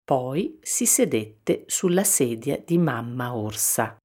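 A woman narrating a children's storybook gently and expressively. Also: a bass voice, lively intonation, slow, slightly rough.

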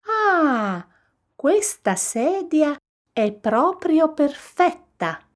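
A woman's voice: high voice, sing-song, extremely slow, pitched above the performer's own voice, exaggerated voice. A woman voicing the fussy little girl Goldilocks in a storybook reading. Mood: content. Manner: fussy, complaining.

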